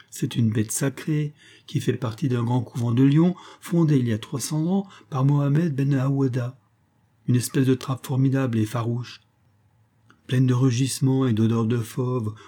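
A man doing a courtly, smooth-talking prince. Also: mid-range voice, mellow, lightly acted. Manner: flowing, courteous explanation. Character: courtly male prince, polished and reassuring friend.

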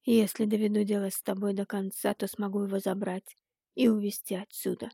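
Woman voicing a composed, unbending older woman; hushed, measured, slightly gravelly. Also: mid-range voice, no echo, clean studio sound. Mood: pleading. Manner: calm, quiet, slow and measured. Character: calm, unyielding woman, a mother with a secret.

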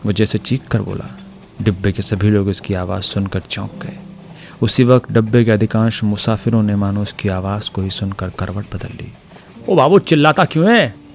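A man narrating a story in a steady, measured way. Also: lowish voice, creaky, slight background noise. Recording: narration with faint music.

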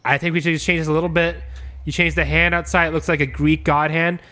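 Rambling man pitching an idea. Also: little pitch movement, quick pace, sharp tone. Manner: rambling, lots of "like" and "you know". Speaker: comedy podcast host pitching ideas. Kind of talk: casual comedic riffing.

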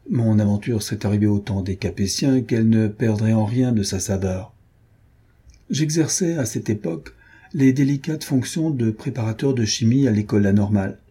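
A man's voice: lowish voice, normal speed, mellow, breathy edge. A man reading the part of a weary, sly male beetle-keeper who tells a tall tale in a languid, knowing way. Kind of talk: audiobook character voice.

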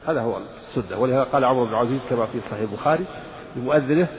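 A male Islamic scholar gives a religious lesson in a mid-range voice, speaking rapid-fire as he explains rules and briefly intones the phrases under discussion. The audio is dull and lo-fi, with long hall reverb.

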